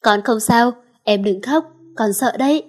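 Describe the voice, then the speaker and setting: A loving young husband calls for help and comforts his wife, protective and earnest, as a woman narrator reads him. The voice stays fairly high, with little change from the reader's own. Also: unhurried. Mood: soothing. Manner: urgent, then soothing.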